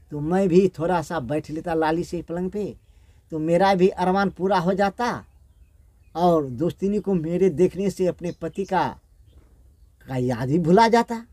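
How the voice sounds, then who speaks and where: A man's voice: high-pitched, lively intonation, unhurried, warm tone, no echo. A man voicing a greedy, scheming friend of a king who talks in smug, wheedling reassurances. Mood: pleading.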